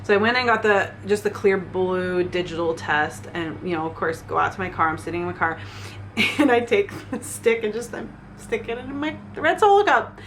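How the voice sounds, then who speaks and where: A woman's voice: mid-range voice, moderate pace, a bit bright, slight background noise. A woman, candidly telling a personal story in a chatty vlog, laughing now and then. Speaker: fitness vlogger.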